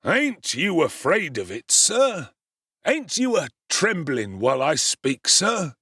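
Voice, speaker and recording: A man voicing a pompous, self-important male parish beadle who lectures with slow, stern emphasis. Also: on the high side, wildly swooping pitch, pushed and bright, breathy edge, no echo, studio quality, pitched above the performer's own voice, heavily acted.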